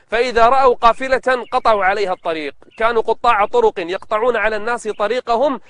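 A man's voice: sits high, fairly bright tone, no room sound. A man presenting religious stories in formal standard Arabic, explaining in a preacherly storytelling manner. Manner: preacherly, explains between slow melodic recitations of scripture.

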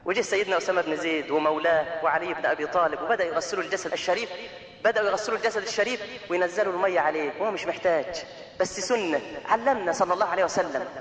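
A man with an Egyptian Arabic accent preaching an emotional sermon, telling a story with dramatic swings in pitch and loudness. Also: racing, crowd noise. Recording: echoey hall with long reverb.

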